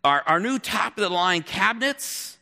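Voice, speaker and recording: A man's voice: sits high, sing-song, moderate pace, vocal fry, sharp tone, full character voice. A man doing a gushing, proud homeowner. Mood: proud, chirpy. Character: cheerful boastful homeowner, oblivious to the mess. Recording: long hall reverb.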